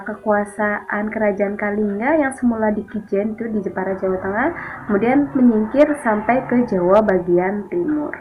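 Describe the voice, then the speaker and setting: A history teacher with a slightly high voice gives an explanatory lesson to students, working step by step in an orderly, didactic manner and signposting each point in turn. The audio is thin and phone-like, with background music playing.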